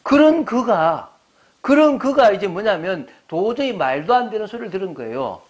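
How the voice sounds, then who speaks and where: A man's voice: high voice, very animated, normal speed. A man in his forties, a pastor preaching a sermon at a church service. He explains his points conversationally and keeps putting rhetorical questions to the congregation.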